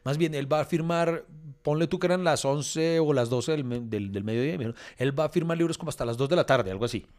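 A man's voice: fairly high pitch, quick pace. Chatty Colombian man telling a story. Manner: animated storyteller, acts out quoted voices. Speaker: podcast co-host. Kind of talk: casual storytelling chat.

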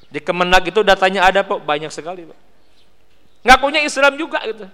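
A man with a West Javanese accent giving a lively sermon, joking and asking the congregation questions. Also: sits high, fast, clear, resonant tone, big-room sound. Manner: animated, teasing, asks the crowd questions. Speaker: preacher. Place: mosque hall.

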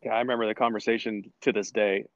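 A man chats about his soccer years in a low, unhurried voice full of restarts and fillers. The sound is dry and a bit muffled, with no room around it. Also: level tone, no room sound. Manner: rambling, many restarts and filler words. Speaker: former college soccer player, guest. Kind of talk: casual interview conversation.

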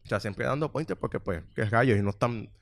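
A man in his thirties with a Puerto Rican accent, telling a workplace story in casual chat and acting out the voices loudly. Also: medium pitch, a little fast, dry recording. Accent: Puerto Rican Spanish. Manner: animated storyteller, acts out quotes loudly, swears freely.

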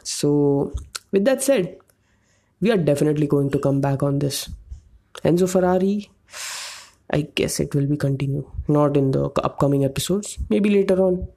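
A man's voice: on the high side, normal speed, gravelly, mellow. A man hosting a solo podcast, talking in a loose, rambling way and searching for words mid-sentence. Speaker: podcast host. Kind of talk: casual solo podcast monologue.

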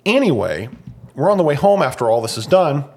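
A man's voice: a little high, very animated, a little fast, darkish tone. A man co-hosting a podcast who tells long rambling stories in casual chat and acts out what people and dogs said. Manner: rambling storyteller, acts out quotes. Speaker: podcast co-host.

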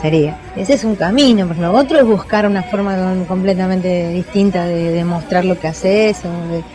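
A woman explaining her views in an interview, measured and searching for words. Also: lowish voice.

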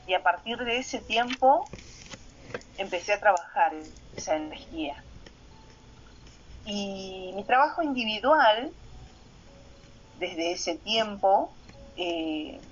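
A woman sharing her personal story in a reflective testimony, pausing often with soft fillers. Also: mid-range voice, lo-fi sound, a little hiss or hum.

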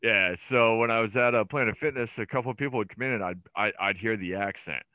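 A man's voice: fairly low pitch, fast talker, sharp tone, no room sound. A man chatting as a podcast guest, rambling through stories with lots of fillers and restarts. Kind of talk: casual chat.

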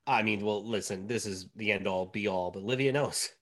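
A woman's voice: rumbling low, normal speed, fairly bright tone. A woman with a cold on a podcast, sneezy and teasing, chatting casually. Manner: teasing, talks through a stuffy sneezy nose. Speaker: podcast co-host. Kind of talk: casual chat.

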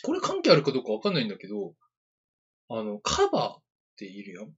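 A man's voice: medium pitch, huge pitch swings, quick pace, vocal fry, breathy edge. A man in casual chat, quizzing his co-host on words with a teasing, hint-giving manner. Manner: teasing quizmaster, gives hints. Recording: dull lo-fi podcast audio.

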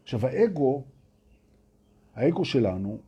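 Speaking emphatically to an audience, a spiritual teacher delivers a motivational talk, repeating key phrases and firing off rhetorical questions. His medium-pitched voice is warm with a breathy edge and big pitch swings, and the highs are cut off.

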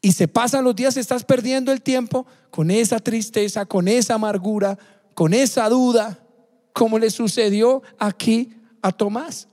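A man's voice: very high-pitched, moderate pace, darkish tone. A man preaching a sermon as a pastor, emphatic and fond of repeating key phrases. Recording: long hall reverb.

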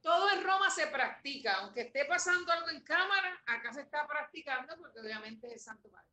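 A woman in her forties, a guest telling a story with feeling, animated and repeating words for emphasis. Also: high voice, a little fast. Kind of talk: emotional storytelling in an interview. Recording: echoey room, mic at a distance, faint background noise.

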